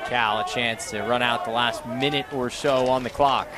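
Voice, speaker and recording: A man calling play-by-play at an outdoor lacrosse game, brisk and self-mocking. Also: medium pitch, steady tone. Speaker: play-by-play commentator. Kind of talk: live sports commentary. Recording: loud crowd and field noise.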